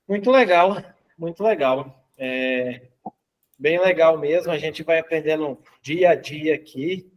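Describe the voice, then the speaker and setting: Slightly high-voiced Brazilian moderator. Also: male voice, measured pace, muffled recording. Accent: Brazilian Portuguese. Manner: thinking aloud, fillers.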